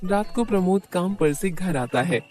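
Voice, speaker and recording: A woman's voice: animated, normal speed, a little mellow, faint music behind. A woman narrating a family story and voicing every woman and girl in it herself. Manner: shifts pitch for each character. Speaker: storyteller voicing all female characters. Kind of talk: animated storybook narration with voiced dialogue.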